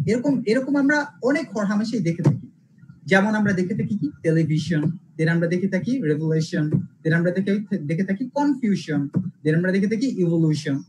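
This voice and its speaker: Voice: medium pitch, noisy background. A teacher giving a live online English pronunciation class with a Bengali accent. The teacher repeats points often and keeps checking that students follow along. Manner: repetitive, checks understanding with "alright?". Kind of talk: live online class, code-switching lecture.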